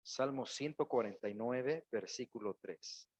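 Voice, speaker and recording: A man's voice: mid-range voice, measured pace, a little mellow, muffled recording. A man, a pastor preaching a sermon in a church and calling out to the congregation. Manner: preaching with rising exclamations and acted-out quotes. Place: church sanctuary.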